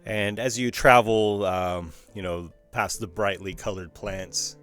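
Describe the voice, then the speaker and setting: Lower-voiced man narrating as game master. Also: fairly even intonation, slow pace, a bit bright, faint music behind. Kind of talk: narrating a tabletop fantasy game.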